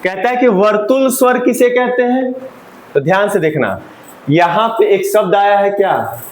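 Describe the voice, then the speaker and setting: A man's voice: high-pitched, animated, measured pace, a little hiss or hum. A male teacher giving a Hindi grammar lesson, asking the class questions and having them repeat the answers. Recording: roomy classroom echo.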